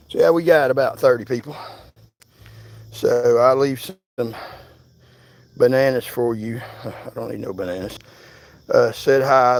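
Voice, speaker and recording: A man's voice: medium pitch, no echo. A man, out of breath from jogging outdoors, insistently preaching to viewers on a livestream. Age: 60s. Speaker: livestream host. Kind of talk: livestream commentary. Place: outdoors, on foot.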